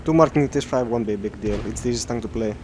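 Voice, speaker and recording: A man with a mid-pitched voice commentates on his game in a casual way. He mutters slangy asides and swears freely. Loud game music and gunfire play behind him. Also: racing. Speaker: gamer. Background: game music, artillery and gunfire.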